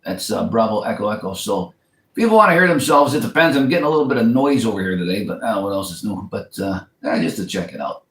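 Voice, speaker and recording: A man's voice: fairly low pitch, expressive, fast, slight background noise. A man chatting casually as an amateur radio operator over a radio link. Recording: echoey ham radio audio.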